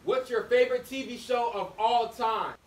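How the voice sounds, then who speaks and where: A podcast host with a very high-pitched voice and a moderate pace runs a casual interview and outro, keeping things upbeat and loose. The mic is distant and the room is echoey.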